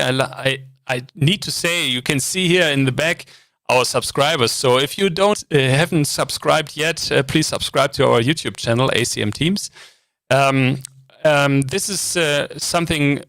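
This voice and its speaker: A man from Germany co-hosting a live web show, speaking in a friendly, halting way with frequent fillers. His voice has a gravelly, creaky edge and sounds dry and close, with no room around it. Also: mid-range voice, a bit bright, no echo. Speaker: co-host. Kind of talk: live online panel introduction.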